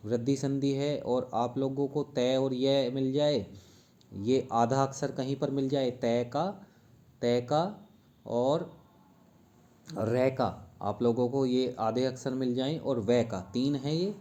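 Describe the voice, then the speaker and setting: A man's voice: medium pitch, fairly even intonation, slow, dark tone. A man teaching a Hindi grammar lesson for exam preparation, repeating key terms and quizzing his students with questions.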